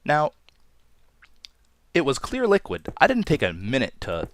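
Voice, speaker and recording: A man's voice: medium pitch, wildly swooping pitch, a little slow, dry recording. A man from Toronto hosting a Let's Play, telling a story in a chatty, rambling, self-deprecating way over gameplay. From Toronto, Canada.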